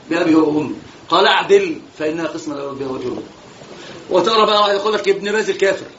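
A man with an Egyptian accent gives a religious lesson, mixing colloquial and classical Arabic, animated and repeating phrases for emphasis. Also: high-pitched, echoey room, dull audio, a little hiss or hum. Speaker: Islamic preacher.

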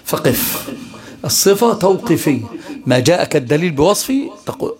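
A man's voice: on the high side, sing-song, moderate pace, crowd noise. A man with an Egyptian Arabic accent, a sheikh teaching a religious study lesson and quizzing his listeners with rhetorical questions. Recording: live class with audience noise.

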